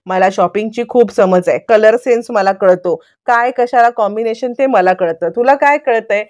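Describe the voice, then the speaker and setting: A woman's voice: on the high side, normal speed, darkish tone, natural voice. A woman voicing a boastful, quarrelsome young husband who brags and bickers. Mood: bickering. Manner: bickering, bragging, pushy.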